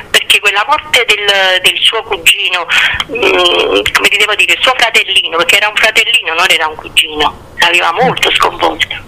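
Older man, high and gravelly. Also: bright, forceful tone, slight background noise, rough recording. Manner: earnest, searching for words with pauses. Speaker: guest author. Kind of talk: radio interview recollection.

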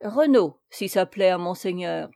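A woman's voice: fairly low pitch, expressive, unhurried, vocal fry, mellow, no echo. Brief: cunning rustic peasant, fifties, male, fake humility, read by a woman, dry sound. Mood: wheedling. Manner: rustic, evasive, wheedling. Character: sly middle-aged male peasant, falsely humble. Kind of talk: audiobook character reading.

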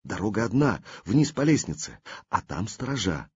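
A male audiobook reader voicing a frightened, anxious young princess in a raised, softened voice. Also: lowish voice, big pitch swings, normal speed, husky, no room sound, lo-fi sound, full character voice.

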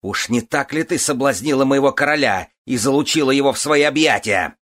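A man's voice: medium pitch, fairly quick, fairly bright tone, pitched above the performer's own voice, close to an everyday voice. A man reading an audiobook, voicing a jealous, brutal warrior husband who roars accusations. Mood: raging. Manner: roaring, accusing.

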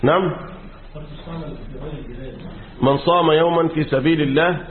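A man's voice: a little high, steady tone, unhurried. A man with an Egyptian accent, a sheikh lecturing a class on Quran commentary, quizzing his students with fill-in questions and repeating key words. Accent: Egyptian Arabic. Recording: tinny lo-fi phone-like recording.

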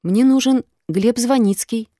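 A woman voicing Katya, a flustered, anxious young woman who pleads in a squeaky, insistent voice. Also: measured pace, dark tone, no room sound, studio quality.

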